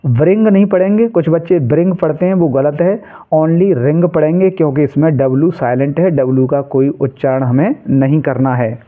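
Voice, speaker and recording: Man, teacher, lesson, spells letters aloud, quizzes himself, slightly high voice, phone-like audio. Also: normal speed. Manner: spells letters aloud and asks questions, then answers them himself. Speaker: English teacher. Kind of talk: classroom-style lesson. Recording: tinny phone-like sound.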